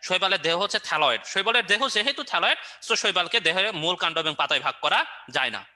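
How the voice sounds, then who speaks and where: A man's voice: high-pitched, expressive, brisk, pushed and bright. A man teaching an online review class, quizzing students and answering his own questions with playful memory tricks. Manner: playful and joking.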